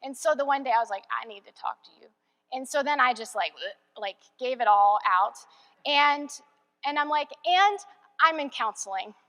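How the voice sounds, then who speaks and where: A woman's voice: high-pitched, moderate pace, a bit bright, big-room sound. A young woman sharing her personal faith testimony in a chatty way, with lots of "like" and "um.". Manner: chatty, many fillers like "like" and "um". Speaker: church member sharing testimony.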